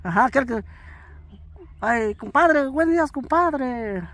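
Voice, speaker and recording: A man from Oaxaca, answering questions in halting, repetitive murmurs during a casual chat. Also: very high voice, expressive, a bit bright. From Oaxaca, Mexico. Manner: halting, repeats himself, answers in short murmurs. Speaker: interviewee.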